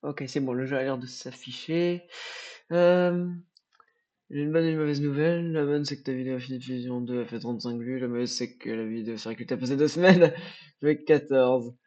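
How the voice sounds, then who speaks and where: A young man streaming a game live, casual and jokey, muttering then suddenly shouting, with swearing. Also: medium pitch, brisk. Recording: dull lo-fi stream audio with faint game music.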